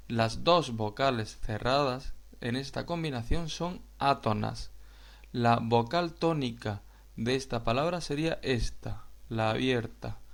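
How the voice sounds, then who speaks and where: Gravelly-voiced man teaching a lesson. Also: medium pitch. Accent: Spain Spanish. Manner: slow, explanatory, addresses viewers directly. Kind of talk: video lesson narration.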